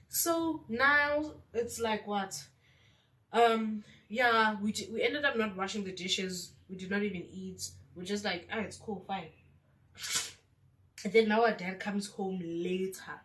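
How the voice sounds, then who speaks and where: A woman's voice: mid-range voice, a bit bright, distant mic. A woman with a South African accent telling a casual storytime vlog, chatty and mixing in local slang. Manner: chatty, mixes local slang into her speech. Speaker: vlogger.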